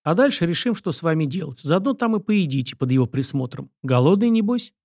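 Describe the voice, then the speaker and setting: A man's voice: fairly high pitch, animated, brisk, darkish tone, no room sound, clean studio sound, voice pushed up. A man voicing a firm, decisive young prince who gives orders in a commanding way.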